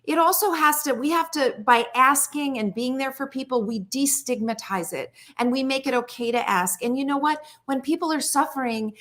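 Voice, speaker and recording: A woman's voice: high-pitched, moderate pace, hardly any pauses, fairly bright tone. A woman speaking as a guest expert on a talk show, earnest and telling a story, often repeating words as she restarts. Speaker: guest psychologist.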